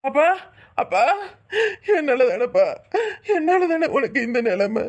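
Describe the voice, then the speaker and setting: A woman's voice: high-pitched, big pitch swings, measured pace. A woman voicing an anxious grown son and husband in a cartoon, pleading and alarmed in a southern Tamil village dialect. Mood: remorseful. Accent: southern Tamil Nadu village dialect. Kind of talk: cartoon voice acting.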